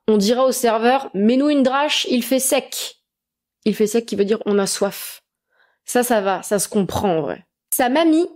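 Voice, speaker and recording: Jeune femme bavarde qui fait un quiz. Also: female voice, medium pitch, a little mellow. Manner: chatty, self-mocking, reads quiz questions aloud. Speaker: YouTuber doing a quiz. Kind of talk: casual chat.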